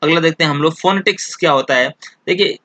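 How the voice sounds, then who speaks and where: A man teaching an exam-prep lesson, explaining slowly and repeating each point with many fillers. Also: fairly high pitch, sharp tone, no room sound.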